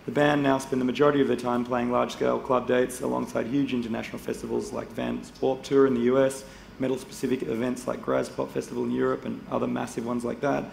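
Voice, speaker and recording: A man moderating a conference panel, relaxed and chatty as he reads out a prepared introduction. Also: medium pitch, quick pace, gravelly, hardly any pauses. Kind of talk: moderating a panel, reading a guest bio. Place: indoor conference stage. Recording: roomy hall with faint noise.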